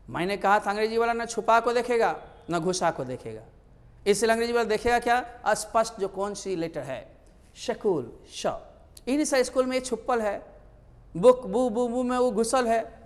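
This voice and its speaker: A male teacher with a high voice lectures on English grammar, his voice carrying a big-room sound. He asks his own questions and answers them.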